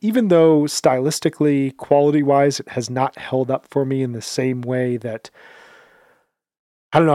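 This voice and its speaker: A man in his thirties talks on a podcast in an earnest, reflective way, pausing and restarting as he works out his thoughts. His pitch sits in the ordinary middle range. The recording is close and dry. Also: a little mellow, no room sound. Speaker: podcast co-host. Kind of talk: casual chat.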